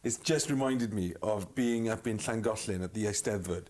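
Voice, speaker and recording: A man's voice: lowish voice, moderate pace, a little mellow. A man with a Welsh accent, a singer guesting on a chat show, telling stories with lots of laughter. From Wales. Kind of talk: anecdotal chat show storytelling.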